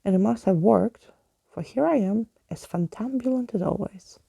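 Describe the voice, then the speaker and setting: A gallant, talkative old skeleton from a storybook, acted out by a woman reader. The wording is florid and old-fashioned, delivered in a very creaky, husky voice with a dark, relaxed softness. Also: mid-range voice, normal speed, no room sound, clean studio sound. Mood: earnest, grand. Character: chatty, gallant old skeleton adventurer with key fingers.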